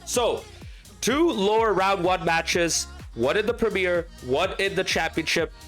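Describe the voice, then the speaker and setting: A man with a very high voice calls an esports match live, excitable and quick to shout when a play lands. Faint music plays under his voice. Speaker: esports commentator and stream host.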